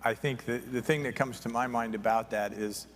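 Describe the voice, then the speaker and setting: A man moderating a conference panel, relaxed and often restarting his sentences. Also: medium pitch, moderate pace, a little hiss or hum. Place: conference hall. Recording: reverberant conference hall.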